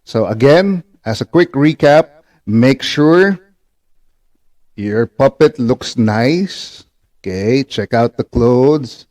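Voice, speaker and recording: A man's voice: medium pitch, animated, slow pace, a little mellow. A man giving an instructional demonstration as a teacher, patient and repetitive, often checking in with short tag questions. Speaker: ventriloquism instructor.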